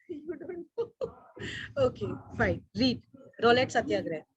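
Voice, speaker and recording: A woman's voice: high voice, very animated, slow pace, husky, no echo, highs cut off. A woman with an Indian accent teaching an online class, calling on students and checking they follow with short questions.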